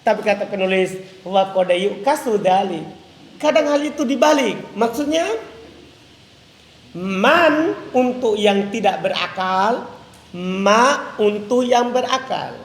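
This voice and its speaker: A male teacher giving a live lecture on Arabic grammar. He recites Arabic phrases slowly and drawn out, and quizzes his listeners with questions that he then answers himself. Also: extremely high pitch. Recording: echoey room with long reverb.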